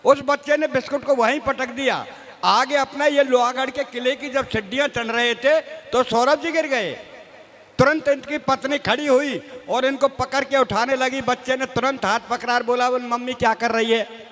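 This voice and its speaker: A comic poet from Rajasthan, India, performs comedy poetry on stage, folksy and self-mocking, speaking straight to the audience. His voice is extremely high, a bit bright, with fairly even intonation and normal speed. The hall gives an echoey reverb.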